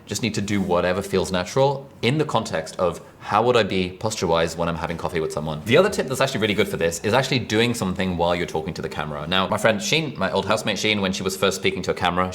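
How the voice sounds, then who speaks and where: A British man teaching an online course, talking casually and chattily to camera from a desk. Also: low-pitched. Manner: relaxed, chatty, fast-talking. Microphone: mic above speaker, seated at desk.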